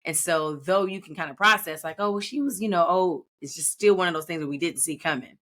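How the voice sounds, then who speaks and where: A woman's voice: on the low side, brisk, fairly bright tone. A woman in her thirties co-hosting a podcast, talking in a reflective, rambling way with many restarts. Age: 30s. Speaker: podcast co-host. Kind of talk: casual podcast chat.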